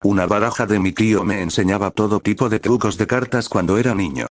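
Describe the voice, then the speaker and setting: A man's voice: on the low side, quick pace, lightly acted. A man reading a shy helpful teen boy. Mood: timid.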